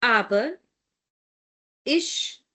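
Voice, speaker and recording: A native Tamil speaker teaches a beginner language class online at an unhurried pace, her expressive, sharp voice sitting a little high. She patiently repeats each word slowly, then checks in with "okay?" to make sure her students are keeping up.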